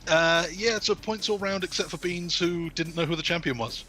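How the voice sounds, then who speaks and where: A man co-hosting a wrestling podcast, chatting casually and laughing often in a relaxed, bantering way. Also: sits high, moderate pace, soft background music. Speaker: podcast co-host. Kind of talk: casual chat reviewing wrestling results.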